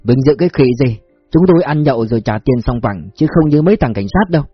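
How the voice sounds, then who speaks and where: Man playing a drunk crude agent, coarse, husky voice, dry sound. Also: medium pitch, lively intonation, fast, dry recording, dull audio, soft background music. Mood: slurring. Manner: slurred, coarse.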